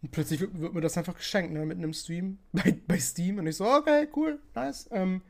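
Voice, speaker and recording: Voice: medium pitch, fairly even intonation, a little fast, a little mellow. A podcast host and streamer in casual chat, rambling with many fillers and laughing often.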